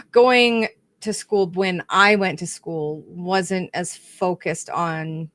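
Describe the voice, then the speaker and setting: A woman's voice: fairly low pitch, steady tone, drawn-out words, a bit bright, no room sound. A young woman co-hosting a podcast, chatting casually in a rambling, self-correcting way. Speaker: podcast co-host. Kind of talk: casual chat.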